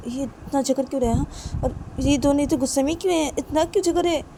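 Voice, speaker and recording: A woman's voice: sits high, quick pace, noisy background, pitched above the performer's own voice. A woman voicing an upset young sister-in-law who scolds two people as they fight, near tears. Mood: shrill, upset.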